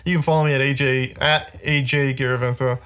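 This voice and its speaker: A man's voice: mid-range voice, little pitch movement, fairly quick, a bit bright, clean tone. A man hosting a podcast, ranting through a film critique in casual chat with lots of "like". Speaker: podcast host.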